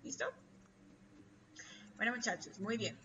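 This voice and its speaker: A woman's voice: medium pitch, measured pace, sharp tone, slight background noise. A woman teaching an English class, explaining patiently, repeating her examples and checking often that her students follow. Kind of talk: classroom lecture. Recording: distant, dull lo-fi audio.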